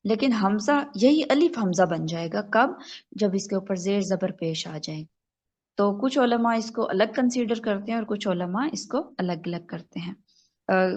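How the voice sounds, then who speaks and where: A woman's voice: medium pitch, darkish tone, muffled recording. A woman teaching an online class over a video call, patiently correcting her students step by step. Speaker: Quran recitation teacher.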